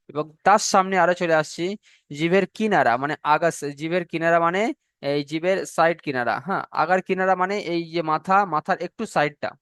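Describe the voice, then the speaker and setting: A man teaching a class on pronouncing Arabic letters, slow and repetitive, drawing out each letter sound and checking in with his students. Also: a little high, a bit bright, clear, resonant tone, dry recording. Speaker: Quran recitation teacher. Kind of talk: classroom lesson on letter pronunciation.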